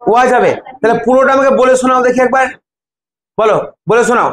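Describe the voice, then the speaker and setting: Young male teacher, very high voice, coaxing students through drills; echoey classroom. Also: fast. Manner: prompting students by name, repeating words. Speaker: English teacher. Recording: echoey classroom, faint ambience.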